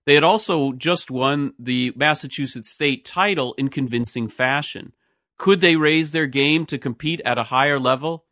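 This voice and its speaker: A man's voice: a little high, normal speed, bright, forceful tone, no echo, studio quality. A man reading a scripted history narration as a podcast host. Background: music.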